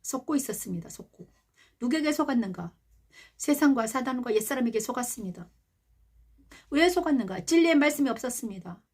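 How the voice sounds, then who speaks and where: A middle-aged woman pastor giving a sermon, emphatic, asking rhetorical questions and softly voicing tender words of comfort. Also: fairly high pitch, animated, brisk, pauses often, husky. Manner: softly quotes a gentle, loving voice of God.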